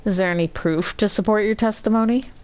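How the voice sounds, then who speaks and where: A woman's voice: mid-range voice, a little fast, a little mellow, close to an everyday voice, poor audio. A woman reading a stern, probing judge. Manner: pointed, probing questions. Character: stern judge questioning a fraud suspect.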